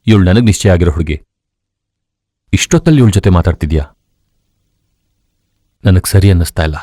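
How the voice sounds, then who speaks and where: A stern, hot-tempered young fiancé, low-voiced and firm. His delivery swings widely in pitch as he warns and threatens. The sound is close and dry. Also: expressive, brisk, mellow, no echo. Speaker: hero engaged to his cousin. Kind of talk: Kannada film dub.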